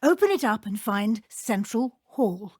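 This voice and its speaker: An actress playing a brisk, caring, proper witch professor in a video game, with a British accent and formal, precise, schoolmistressy delivery. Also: medium pitch, big pitch swings, husky, dry recording, clean studio sound. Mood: instructive. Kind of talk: scripted video game character dialogue.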